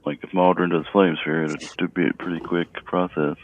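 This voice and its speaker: A man's voice: low voice, flat delivery, brisk, phone-quality sound, noisy background. A man chatting casually as a player in a tabletop game. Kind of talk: casual chat.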